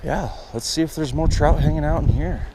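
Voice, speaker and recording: Excitable man vlogging by a stream. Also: on the high side, a little fast. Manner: excitable, talks straight to viewers. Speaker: fishing vlogger. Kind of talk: casual outdoor vlog narration. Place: outdoors by a mountain stream. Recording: outdoor footage with steady stream noise.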